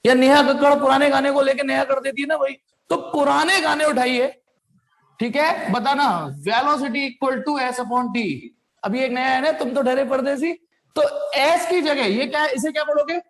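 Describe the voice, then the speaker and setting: A man's voice: very high-pitched, fairly even intonation, normal speed, a bit bright. A man teaching a physics class, mixing Hindi with English terms and asking his students questions before answering them himself. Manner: playful asides, sound effects.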